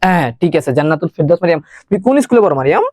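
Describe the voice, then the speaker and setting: A young man teaching a live online science class, talking fast and chatty and mixing in English words. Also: a little high, lively intonation, a little mellow.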